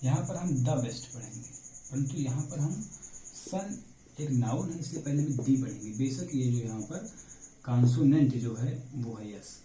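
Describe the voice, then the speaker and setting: A man teaching an English grammar lesson in a very dark, mellow voice, walking through each rule step by step and answering his own questions. The room is echoey, with faint insect chirping in the background. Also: medium pitch, animated, unhurried, a little hiss or hum. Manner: explains step by step, asks questions and answers them himself.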